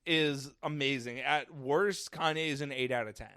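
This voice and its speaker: Bright, crisp man with crude teasing. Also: mid-range voice, moderate pace, no room sound, studio quality. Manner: crude, teasing, deadpan jokes. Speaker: podcast co-host. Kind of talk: casual banter.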